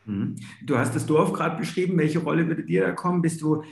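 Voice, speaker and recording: Gravelly man co-host, roomy echo. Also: fairly high pitch. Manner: halting questions with many restarts. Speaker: podcast co-host. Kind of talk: conversational interviewing.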